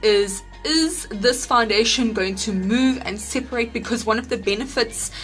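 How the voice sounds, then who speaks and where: A woman's voice: on the high side, moderate pace, a bit bright, soft background music. A woman beauty vlogger chatting casually to camera in an emphatic, opinionated, informal way. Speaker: beauty vlogger reviewing makeup.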